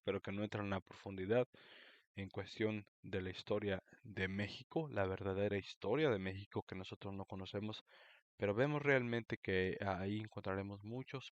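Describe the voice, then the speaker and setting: A Mexican-American man from Florida talks about a history book in a casual, unhurried way, dropping in lots of small fillers. His voice is fairly low, and the recording is dry with the highs cut off.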